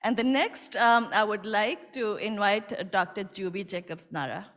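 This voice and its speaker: A woman moderating a conference session, politely introducing speakers and pausing often with fillers. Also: mid-range voice, a bit bright, big-room sound. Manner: polite, hesitant with many fillers. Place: conference hall.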